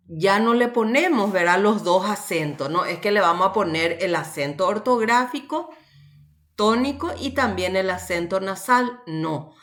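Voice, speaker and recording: A woman teacher, explaining grammar rules slowly and patiently in a recorded online class, often checking in with her students. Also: medium pitch.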